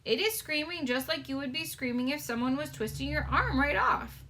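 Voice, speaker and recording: The BFG, bright earnest giant voiced by a woman. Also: high-pitched, expressive, normal speed, a little hiss or hum, pitched above the performer's own voice, heavily acted. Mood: earnest, animated. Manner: folksy muddled grammar, emphatic telling. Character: earnest, touchy giant man with muddled grammar. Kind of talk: storybook read-aloud character voice.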